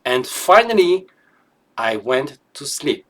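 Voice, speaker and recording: A man teaching English in an online lesson, patiently explaining grammar and repeating each phrase slowly and clearly for learners. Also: on the high side, very animated, a bit bright.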